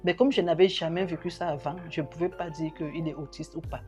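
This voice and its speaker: A woman's voice: low-pitched, steady tone, fairly quick, over loud music. A woman, a mother and association president, speaking earnestly and reflectively in a documentary interview.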